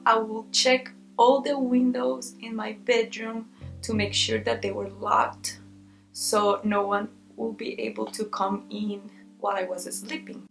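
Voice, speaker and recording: A woman's voice: on the high side, vocal fry, a little hiss or hum, low-quality recording. A woman telling a personal story casually to her viewers, dramatic and building tension. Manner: dramatic, builds tension and laughs between lines. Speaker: storytime vlogger.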